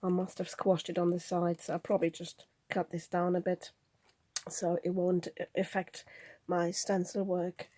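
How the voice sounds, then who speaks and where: A woman with a croaky voice from a cold, chatting her way through a crafting tutorial and thinking aloud as she works. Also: lowish voice, monotone, moderate pace, mellow, dry recording. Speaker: card-making channel host.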